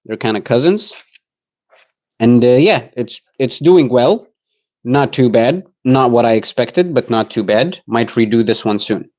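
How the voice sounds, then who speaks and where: Slow, easygoing man on a dull recording. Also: medium pitch, expressive, a little mellow. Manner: easygoing, joking, slow and rambling. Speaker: host giving a live tour. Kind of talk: casual live-stream tour.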